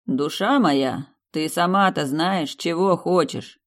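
An audiobook reader voicing a mysterious male demiurge who speaks slowly and calmly, gently chiding. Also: mid-range voice, vocal fry. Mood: teasing. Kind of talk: audiobook character voice.

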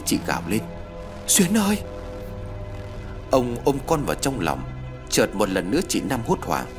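A man narrating a ghost story in a dramatic, expressive reading. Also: on the low side. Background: faint background music.

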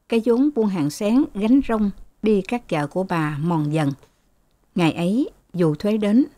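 A woman narrating a novel as an audiobook in a steady, even storytelling voice. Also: lowish voice, no room sound.

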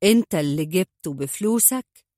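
A woman reading a coldly calm Egyptian father. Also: mid-range voice, fast talker, no echo, clean studio sound, natural voice. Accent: Egyptian Arabic. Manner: flat, calm, cutting. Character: stern, coolly calm father and husband.

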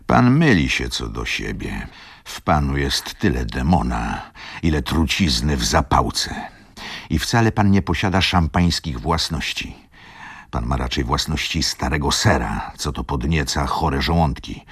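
A man voicing a proud middle-aged merchant in a radio reading, cold and measured. the voice sits very low with a gravelly, creaky grain, and the sound is dry and close to the mic. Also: lively intonation, a bit bright, dry recording, heavily acted. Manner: measured, hollow, clipped.

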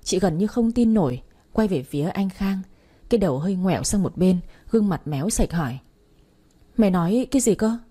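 A woman narrating a family drama story in first person, with a steady dramatic reading. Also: lowish voice, brisk, slightly rough.

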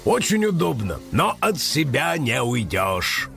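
A man's voice: medium pitch, big pitch swings, takes it slowly, gravelly, fairly bright tone, faint music behind, heavily acted. A man reading a storybook aloud and voicing a sentimental, forgetful old male raven who is a musician, with a theatrical manner. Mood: wistful. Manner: theatrical, sighing, dramatic outbursts.

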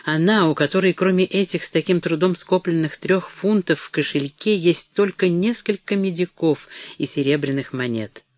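A man reading a novel aloud in a measured narrating voice. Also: fairly high pitch, no room sound. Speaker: audiobook reader. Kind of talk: scripted narration.

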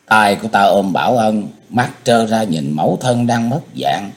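A man narrating a martial-arts novel as an audiobook, with an expressive storytelling cadence. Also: lowish voice, normal speed.

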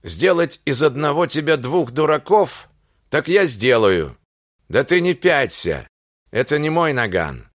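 Brief: hard Cossack officer, read by a man, curt and cool, lively intonation, dry close sound. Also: medium pitch, a little slow, no room sound. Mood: stern. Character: Grigory, tough calm Cossack officer, male.

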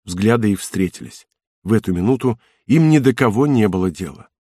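Male audiobook narrator, low, husky, dry close mic, measured reading. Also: no echo. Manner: calm, measured storytelling.

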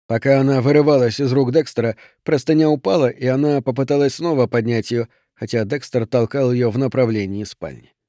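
A man narrating an audiobook in an even, measured way. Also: mid-range voice, no echo, clean studio sound.

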